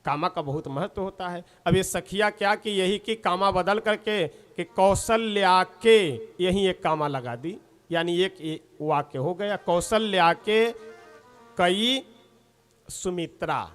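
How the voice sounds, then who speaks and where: High-voiced man telling a devotional story. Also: measured pace, clear, resonant tone. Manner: playful, explains word meanings, acts out characters' quotes. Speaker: religious storyteller.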